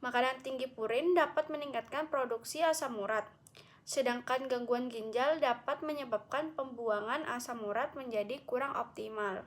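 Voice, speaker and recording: A woman's voice: on the high side, normal speed. A young woman, a medical student, giving a recorded class presentation, reading carefully and correcting herself often. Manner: careful explanatory reading with frequent self-corrections.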